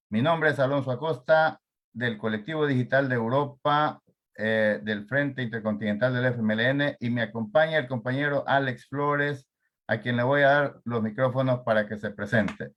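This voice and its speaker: A man's voice: mid-range voice, fairly bright tone. A man hosting an online political talk show, formal in tone, sometimes stumbling over names. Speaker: host.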